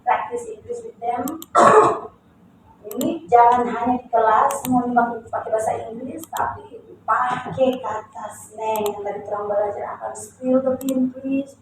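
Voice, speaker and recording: High-voiced woman teaching in an echoey classroom. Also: slight background noise. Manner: lively, repeats words with drawn-out stress. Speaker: English teacher. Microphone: distant room recording. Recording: echoey classroom recorded from far off.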